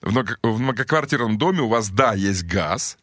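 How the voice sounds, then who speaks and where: A man's voice: on the low side, expressive, moderate pace, fairly bright tone, dry recording, studio quality. A male radio host who talks in a rambling, irreverent, joking way. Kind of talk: radio talk show.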